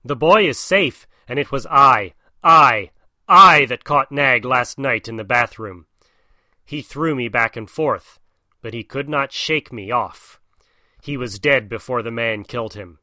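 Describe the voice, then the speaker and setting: A man voicing a brave young male mongoose who shouts proud challenges in a storybook reading. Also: medium pitch, a little slow, no room sound, studio quality. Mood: boastful. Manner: excited, loud, proud.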